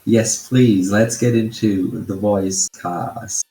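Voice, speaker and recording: A young man co-hosting an anime podcast, speaking slowly and haltingly as he searches for words. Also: on the low side, steady tone, mellow, faint music behind. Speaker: podcast co-host. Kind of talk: casual anime review chat. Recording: roomy echo.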